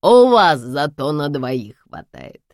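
A sharp-tongued grandmother in her later years, voiced by a woman reading a storybook. She speaks slowly and tartly in a low register. The sound is dry and close to the mic. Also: big pitch swings, no echo, full character voice. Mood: sarcastic. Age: over 60 (figure). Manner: slow, clipped, tartly sarcastic. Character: elderly grandmother, stern, sharp-tongued, commanding.

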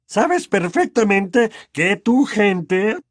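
A man voicing a furious, pompous middle-aged uncle in an audiobook, hoarse and blustering. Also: high-pitched, big pitch swings, very slow, no echo, studio quality, voice pushed up, heavily acted. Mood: angry. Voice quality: hoarse, trembling with rage. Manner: blustering, bullying. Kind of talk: audiobook character voice.

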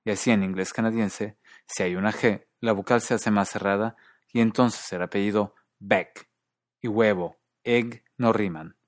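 A low-pitched man narrates a scripted language lesson at a measured pace, pausing to demonstrate single words in different accents. The recording is dry and close, with no room sound. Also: steady tone, dry recording. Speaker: host of a linguistics video series.

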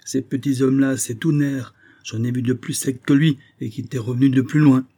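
A man's voice: medium pitch, steady tone, brisk, dark tone, voice pushed up, natural voice. A man reading an audiobook, voicing a cheeky, loyal soldier orderly who talks in a jovial, confident way. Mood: reassuring.

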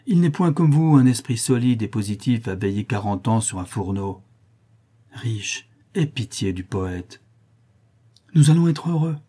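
A man's voice: fairly low pitch, dark tone, husky. A man voicing a fervent, greedy young male disciple of an alchemist, in an imploring, feverish manner. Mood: pleading. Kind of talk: audiobook character reading.

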